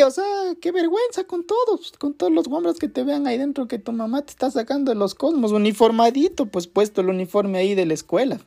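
A man's voice: high-pitched, vocal fry, darkish tone. A man telling a personal anecdote in a casual, rambling way, repeating phrases and leaning on fillers. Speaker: storyteller.

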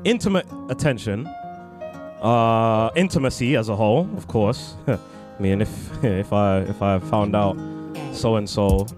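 A young man with a London roadman accent and slang, chatting casually as a podcast co-host, excitable and agreeable, often repeating his phrases. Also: on the low side, unhurried, over music. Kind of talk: casual chat.

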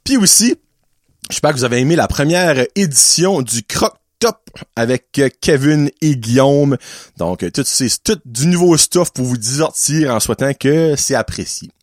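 Dude in his 30s doing a solo podcast, super animated voice, tossing english words in, dry sound. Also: mid-range voice, moderate pace, dry recording. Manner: chatty, mixes English words into French, playful. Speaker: podcast host. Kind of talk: casual solo podcast chat.

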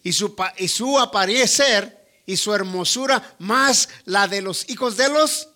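High bright-voiced man preaching. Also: unhurried. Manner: preaching in short phrases, fervent exclamations. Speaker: pastor. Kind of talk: sermon.

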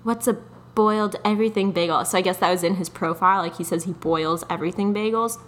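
A young woman with a somewhat low-pitched voice tells a dating story as a podcast co-host. She talks casually and animatedly, laughing often and poking fun at herself. A faint hum of ambience sits behind her. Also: fast talker.

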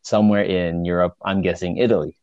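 Low-voiced man telling a story haltingly. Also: steady tone, darkish tone, dry recording. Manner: halting, frequent restarts and chuckles. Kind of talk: casual spoken storytelling. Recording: dull lo-fi dry recording.

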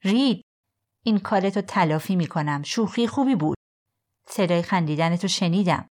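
A woman voicing a panicked man under arrest, pleading and shouting desperately in a storybook reading. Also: fairly low pitch, lively intonation. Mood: frantic. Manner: frantic, pleading, loud.

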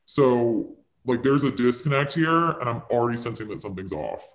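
A man's voice: medium pitch, animated, normal speed, echoey room. A young man telling a long personal story in a casual, rambling way, peppered with "like" and dramatic asides. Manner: rambling, full of "like" fillers, dramatic retelling. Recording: dull lo-fi recording.

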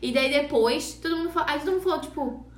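A young woman, a student telling an excited story in casual chat. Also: sits high, fast talker, roomy sound.

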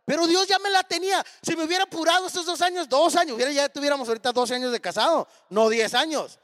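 High-voiced pastor in a reverberant hall. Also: male voice, fast. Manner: animated, acts out dialogue in the story. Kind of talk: storytelling sermon.

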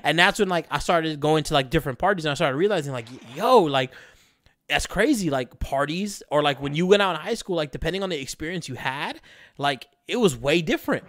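A young man tells a story on a podcast, his voice a touch high. He rambles and swears as he goes, with many fillers and frequent laughs. The sound is close and dry. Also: lively intonation, brisk, fairly bright tone, dry recording. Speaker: podcast co-host. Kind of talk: casual storytelling chat.

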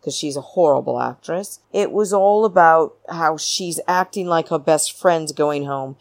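A woman hosting a podcast, giving a chatty, opinionated recap monologue with theatrical, drawn-out emphasis and fond addresses to her listeners. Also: low voice, darkish tone, dry recording. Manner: opinionated, blunt. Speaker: podcast host.

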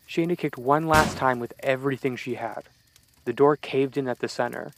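A man reading a scripted horror story in a steady, measured storytelling way. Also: medium pitch, background noise. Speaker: narrator.

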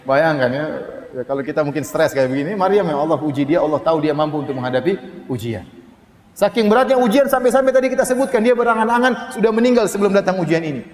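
A man preaching a sermon, telling a story in a lively way, acting out the voices of the people in it and chanting Arabic verses slowly. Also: on the high side. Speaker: Islamic preacher. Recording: echoey hall reverb.

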